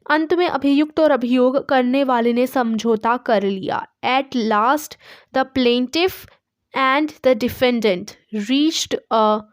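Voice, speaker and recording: A woman teaching English in an online lesson, reading Hindi sentences and saying the English versions slowly. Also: sits high, no echo, studio quality.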